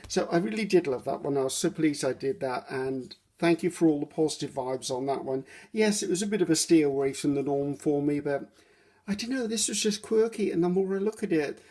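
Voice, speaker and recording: A deep-voiced woman hosts a casual craft video at her table at home, talking a little fast in a mellow tone. Her chatty walkthrough rambles, and she corrects herself with frequent ums.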